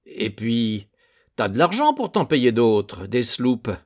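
A man's voice: medium pitch, big pitch swings, slow pace, darkish tone. A man voicing a brawny, furious fisherman who bellows curses and threats. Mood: grumbling. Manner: bellowing and cursing.

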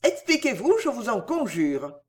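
A woman's voice: sing-song, unhurried. Woman reading as Cécile, a frightened pleading young woman. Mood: distressed. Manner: high, urgent and pleading.

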